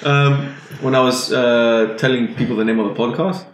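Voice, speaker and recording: A man co-hosting a podcast, chatting casually and playfully in quick bursts. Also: mid-range voice, steady tone. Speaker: podcast co-host. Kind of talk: casual chat. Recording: echoey room, faint noise.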